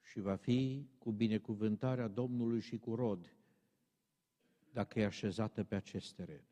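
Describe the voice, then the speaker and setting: A man's voice: lowish voice, dark tone. A man preaching a sermon, his delivery climbing into stern, emphatic exhortation. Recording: long reverb of a large hall.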